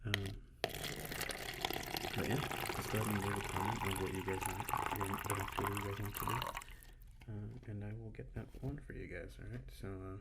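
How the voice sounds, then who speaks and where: Male ASMR creator, low register, halting casual banter delivered intimately at the ear, heavy noise on the recording. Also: flat delivery. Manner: hesitant, rambling, loses his thread. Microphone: binaural in-ear mics set in a styrofoam mannequin head. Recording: loud noise, clicks, handling sounds.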